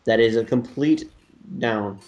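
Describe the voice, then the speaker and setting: A man's voice: medium pitch, a little slow, a little mellow, dull audio. A man in a casual let's play commentary, ranting and teasing his friends with strong opinions. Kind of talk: casual game commentary chat.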